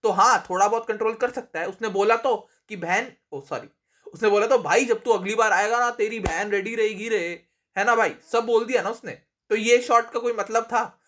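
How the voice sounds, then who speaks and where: A young man in casual live movie commentary, excitable and swearing, whose voice goes thin and high when excited. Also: normal speed. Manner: excitable, swears often, laughs a lot. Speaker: movie reaction host.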